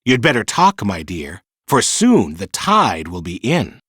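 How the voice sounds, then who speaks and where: A man acts out an evil pirate captain for a children's storybook. The delivery is animated and theatrical, swinging widely in pitch. He is scheming and vengeful, savouring each threat. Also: husky, no echo, studio quality, exaggerated voice. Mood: menacing. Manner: menacing, theatrical, drawn-out threats.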